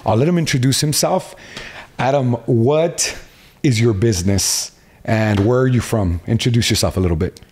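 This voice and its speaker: A man's voice: medium pitch, normal speed, a little mellow, slightly rough. A man hosting a casual podcast interview, upbeat and blunt in his questions. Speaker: podcast host.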